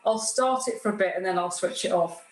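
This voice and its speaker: A woman explains things plainly in an informal hands-on demonstration. She has an average pitch, and her voice rings in a roomy, echoey space with clear noise behind it. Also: a little fast. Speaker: guest craftsperson demonstrating a cutting machine.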